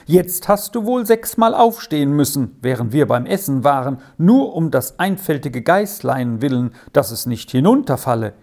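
A woman's voice: low voice, sing-song, normal speed, hardly any pauses, mellow, exaggerated voice. A woman doing a sly, cocky herd boy. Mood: brash. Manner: brash, coaxing, sly. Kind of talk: storybook reading.

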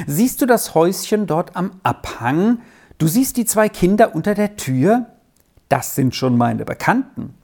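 An earnest, thoughtful young schoolboy in a storybook, his voice lifted a little above the reader's low, warm tone as he explains things carefully. A woman doing the voice while reading aloud. His speech rises and falls in a lively way. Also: exaggerated voice.

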